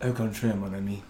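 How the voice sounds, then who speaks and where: A man's voice: fairly low pitch, dark tone, slight background noise. A man with an English accent, a native English speaker, trading mock-posh, sarcastic jabs as a guest in a comedy sketch. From England. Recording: echoey room.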